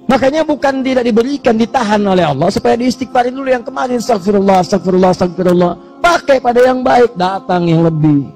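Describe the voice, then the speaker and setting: Gravelly impassioned Indonesian preacher man. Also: lively intonation, brisk, hardly any pauses, faint music behind. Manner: impassioned, voice swinging between high urgent appeals and low hushed prayer. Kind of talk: sermon.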